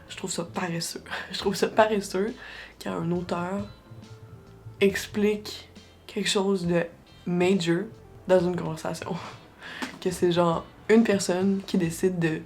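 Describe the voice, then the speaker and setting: A woman's voice: fairly low pitch, a little mellow. A young adult woman with a Québécois French accent, talking casually and with strong opinions as a book vlogger, slipping English phrases into her French. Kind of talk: casual reading-reaction vlog.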